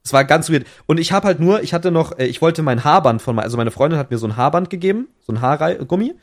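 Young male podcast co-host, slang-heavy storyteller, slightly high voice, lots of self-corrections. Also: animated, quick pace. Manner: slangy, restless retelling with many restarts. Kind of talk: casual chat, storytelling.

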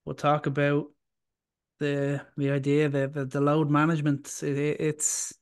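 A man with a slightly raised pitch speaks in a flat, even way on a casual basketball podcast. He trips over his first words, then settles into firm, plainly stated opinions. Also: a little slow, clean tone. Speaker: podcast co-host. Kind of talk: casual sports talk.

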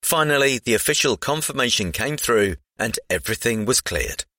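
A man's voice: mid-range voice, lively intonation, moderate pace, bright, forceful tone, no room sound, studio quality. A man reading a scripted profile aloud.

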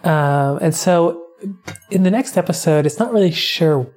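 A woman's voice: deep voice, unhurried, a little mellow, faint music behind. A young woman casually recapping a film as a co-host, rambling and swearing offhandedly. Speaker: podcast co-host.

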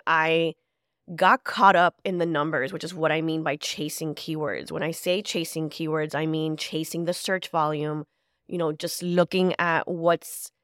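Woman, podcast host, nasal and stuffed-up with a cold, slightly low pitch, chatty, casual, conversational. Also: dry recording, clean studio sound. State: congested with a cold. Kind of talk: casual solo podcast talk.

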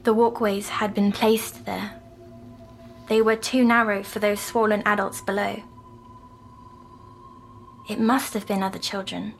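A woman, softly recounting a dream as a patient in an audio drama. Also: medium pitch, little pitch movement, gravelly, soft background music, rough recording. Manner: soft, slow, dreamy recounting.

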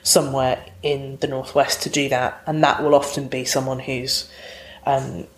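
A woman with a low voice explains her theatre work in casual interview talk. She is brisk and practical. The room around her rings with a noticeable echo. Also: little pitch movement. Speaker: theatre company director.

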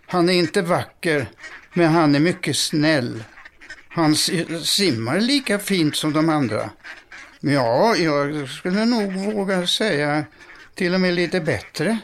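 A man's voice: on the high side, animated, a bit bright, slight background noise, voice pushed up. A man reading aloud, voicing a bossy, anxious mother duck who hurries and fusses. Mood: defensive. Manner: hurried, fussing, defensive.

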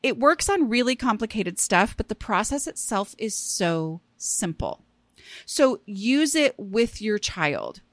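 A woman's voice: mid-range voice, big pitch swings, slow, no room sound. A woman hosting a casual solo podcast, talking in a chatty, self-deprecating way with rambling asides. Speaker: podcast host.

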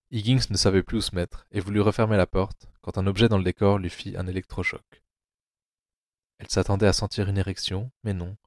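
A man narrating an audio drama adaptation of a novel in a low, steady storytelling voice. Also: no echo, studio quality.

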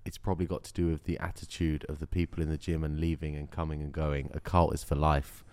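A man's voice: a bass voice, level tone, fast talker, a little mellow, dry recording. A man chatting casually as a podcast co-host, with a dry, joking, understated manner. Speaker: podcast co-host and jiu-jitsu practitioner. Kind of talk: casual chat.

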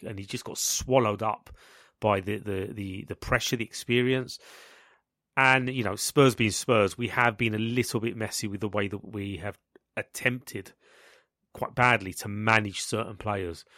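A man with a gravelly, coughy voice from being sick, hosting a casual football chat and often stumbling and repeating his words. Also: on the low side, fairly bright tone, dry recording, studio quality. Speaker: football podcast host.

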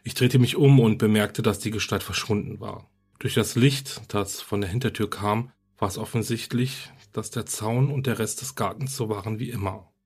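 A man narrating a first-person horror story for a podcast, calm and steady. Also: fairly low pitch, moderate pace, slightly rough, soft background music.

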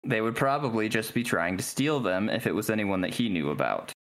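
A man's voice: lowish voice, lively intonation, brisk. A man running a tabletop game as its dungeon master, narrating casually and laughing at his own slips.

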